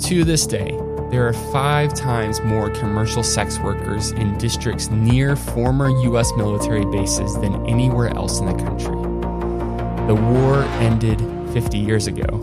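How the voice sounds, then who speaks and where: A man hosting a podcast, narrating a documentary script in a measured, earnest and emphatic way. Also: on the low side. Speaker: podcast host. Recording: narration over clear music.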